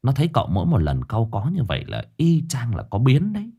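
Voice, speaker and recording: A man narrating a ghost story in an expressive storytelling manner. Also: medium pitch, fast, vocal fry, slightly rough.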